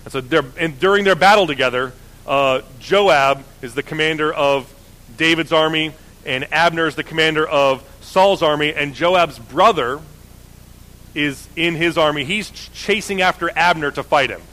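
A man's voice: on the high side, moderate pace, pushed and bright, rough recording. A man teaching the Bible in a casual, conversational way, often correcting himself. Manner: conversational, self-correcting, many fillers.

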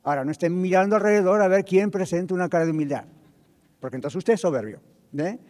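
A man's voice: high-pitched, fast, a little mellow. A man preaching a sermon, asking his listeners questions and answering them himself, now and then dropping in an English word. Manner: drops in English words. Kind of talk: sermon to a congregation. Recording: reverberant hall.

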